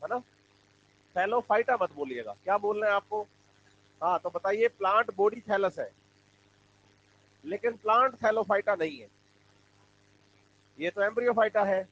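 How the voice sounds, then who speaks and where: High-voiced male teacher quizzing a class. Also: fairly bright tone. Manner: call-and-response questioning. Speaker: biology teacher. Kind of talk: classroom lecture. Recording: dull lo-fi classroom recording with faint hum.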